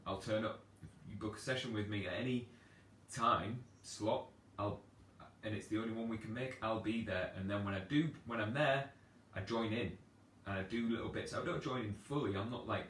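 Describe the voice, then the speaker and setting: A man talks through training advice in a casual, rambling live Q&A, chatty and a little self-deprecating. His voice sits somewhat low. It comes from a step back from the mic in an echoey room, with a faint hiss behind it. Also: moderate pace, a bit bright, distant mic. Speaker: personal trainer. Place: at home on a sofa.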